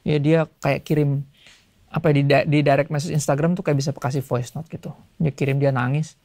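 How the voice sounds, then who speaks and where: A male pastor giving a casual sermon to young people, telling stories in relaxed everyday slang. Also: on the high side, fairly quick, no echo. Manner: chatty storytelling in everyday slang; acts out voices in quotes.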